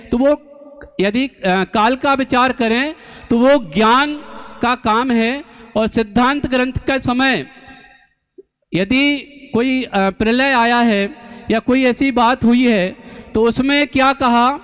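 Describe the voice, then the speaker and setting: Slow, high-voiced man preaching in a hall. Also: fairly bright tone, clear, resonant tone. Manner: slow, deliberate teaching with rhetorical questions and fillers. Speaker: Jain scholar and preacher. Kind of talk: religious discourse. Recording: long hall reverb.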